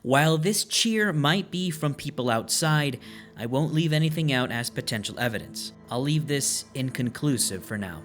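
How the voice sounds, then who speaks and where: A man's voice: mid-range voice, animated, normal speed, fairly bright tone, soft background music. A man in his twenties, host and lead investigator, narrating a ghost hunt and earnestly addressing spirits. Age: 20s. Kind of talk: ghost-hunting narration and group briefing.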